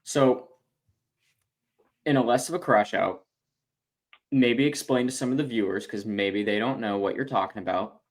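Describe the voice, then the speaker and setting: A man co-hosting a casual sports podcast, calmly steering the conversation. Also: lowish voice, normal speed, pauses often. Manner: calm, steering the talk back. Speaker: podcast co-host.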